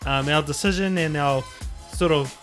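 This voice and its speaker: A man with a Māori New Zealand accent chats as a podcast host. His voice sits a little higher than most men's. He feels his way through sentences loosely and hesitantly, over faint music. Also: normal speed, fairly bright tone. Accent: New Zealand Māori English. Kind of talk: casual podcast chat.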